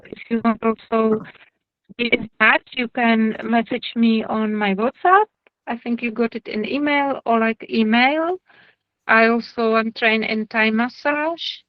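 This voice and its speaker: A woman with a Czech accent talks slowly in a slightly high voice, often pausing to find her words. A somatic therapist giving a lecture, she sounds friendly and informal, like she's fielding questions after an online talk. The video-call audio is dry, close, and dull, with no echo.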